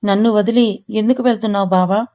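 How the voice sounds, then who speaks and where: A moody pregnant young wife who is quick to take offense, as a woman storyteller puts her on. She speaks in a reproachful, clinging way with a mellow, fairly flat voice. The audio sounds dull and lo-fi. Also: mid-range voice, close to an everyday voice. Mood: pleading.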